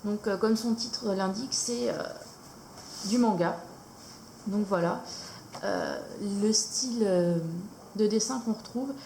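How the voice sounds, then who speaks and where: A woman vlogger casually showing her coloring books, hesitant with many fillers and pauses. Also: mid-range voice, gravelly, a little mellow. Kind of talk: casual show-and-tell chat. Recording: echoey room, faint noise.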